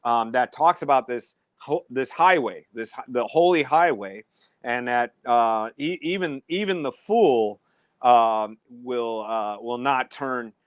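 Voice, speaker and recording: A man hosting a casual faith discussion, talking in a halting way with many restarts. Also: mid-range voice, no echo. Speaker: host. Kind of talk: casual discussion on a live stream.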